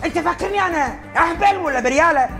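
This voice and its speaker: An enraged Gulf sheikh. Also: male voice, very high-pitched, rapid-fire, vocal fry, bright, forceful tone, soft background music, heavily acted. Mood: furious. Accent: Gulf Arabic. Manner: threatening, demanding. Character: furious rich Gulf sheikh, swindled, armed. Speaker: wealthy sheikh. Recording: film score underneath.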